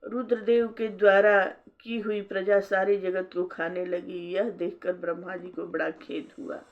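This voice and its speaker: A woman telling a devotional scripture story in a slow, measured recitation. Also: mid-range voice, level tone. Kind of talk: scripture narration. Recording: dull lo-fi recording.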